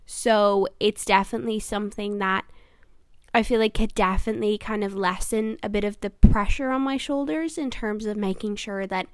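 A woman's voice: mid-range voice, moderate pace, no room sound, studio quality. A woman in her twenties hosting a casual solo podcast, chatty and earnest, with lots of fillers and restarts. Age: 20s. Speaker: podcast host.

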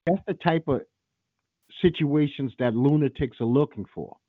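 A man's voice: a little high, moderate pace, dry recording, narrow, tinny audio. A man hosting a call-in show, talking in a blunt, profane and opinionated way. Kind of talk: casual call-in radio talk.

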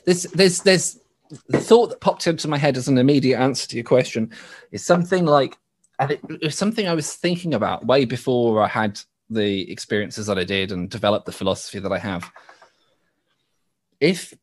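English man, guest on a talk podcast, halting and searching as he explains. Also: medium pitch. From West Midlands, England. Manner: halting, with frequent restarts and laughs. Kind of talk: thoughtful conversational interview.

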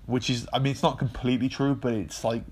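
A man's voice: mid-range voice, fairly even intonation, fast talker, a little mellow, breathy edge. A man with a nasal, congested voice from a cold, explaining history in a rambling, casual monologue full of fillers and the odd swear word. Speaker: video essay host.

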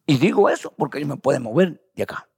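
A man's voice: fairly high pitch, lively intonation, fairly quick, creaky, mellow, husky, dry recording, clean studio sound. A man preaching as a pastor, telling his story in a conversational way and often calling his listeners brother. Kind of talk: testimony sermon.

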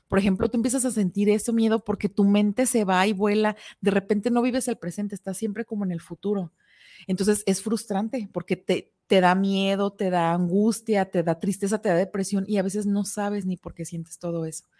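A woman with a Mexican accent in casual chat as co-host, animated and acting out quoted people. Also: normal speed, no echo, studio quality. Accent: Mexican Spanish. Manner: animated, acts out quoted people in high voices.

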